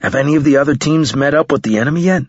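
A man voicing an eager young male soldier recruit who asks quick, wheedling questions, with a breathy voice. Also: fairly high pitch, dry recording, dull audio, voice pushed up. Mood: curious.

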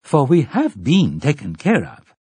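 A man's voice: on the high side, huge pitch swings, a little slow, a little mellow, husky, no echo, pitched above the performer's own voice, full character voice. A man voicing a pompous, plump middle-aged woman with an English accent who speaks in ringing, indignant tones. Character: pompous plump English lady, garden-club type.

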